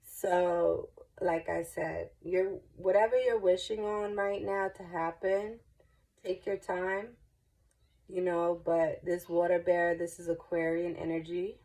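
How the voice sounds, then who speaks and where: A congested woman with a cold gives a chatty, reassuring tarot reading in casual speech, often repeating herself. Her voice sits on the low side, slow and mellow with a level tone, and the recording quality is poor.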